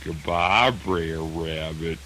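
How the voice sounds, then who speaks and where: An actor playing a sly, easygoing terrapin in a children's radio play, drawling folksily. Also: male voice, low voice, slow, bright, forceful tone, slight background noise, exaggerated voice. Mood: sly, pleased. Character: sly, easygoing young male terrapin of folktale. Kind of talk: children's radio theatre dramatization.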